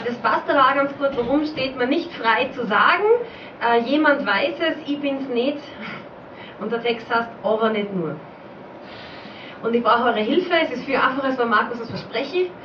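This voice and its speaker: High-voiced woman reciting slam poetry. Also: a little hiss or hum. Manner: rhythmic, repetitive, dialect-tinged recital. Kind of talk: spoken-word poetry performance. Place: small pub stage before an audience. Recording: dull, roomy live recording from far off.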